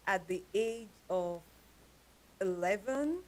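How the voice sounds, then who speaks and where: A woman with a Nigerian accent, telling her life story as an interview guest in a lively, laughing way. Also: medium pitch, takes it slowly, slight background noise. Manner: animated storyteller, laughs often. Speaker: guest, company founder.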